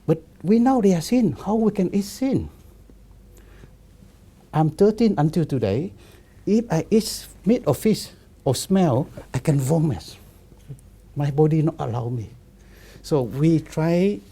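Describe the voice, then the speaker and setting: A Buddhist monk in his fifties speaking halting, repetitive non-native English with many restarts in a relaxed discussion. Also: on the high side, slightly rough. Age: 50s.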